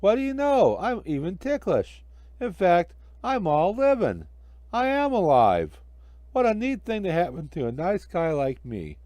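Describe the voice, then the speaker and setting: Man voicing Frosty, a loud jolly snowman. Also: high-pitched, very animated, no echo, voice pushed up. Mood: delighted. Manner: slow, exclaiming, wonderstruck. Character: jolly, childlike, amazed snowman come to life.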